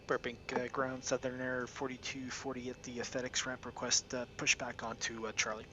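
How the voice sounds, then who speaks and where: A man's voice: mid-range voice, completely flat delivery, brisk, pushed and bright. A man making pilot radio calls to ground control through a cockpit headset mic, using radio phrasing broken by frequent uhs. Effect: pilot talking into a cockpit headset mic. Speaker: flight simulator pilot. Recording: dull lo-fi headset mic with hiss.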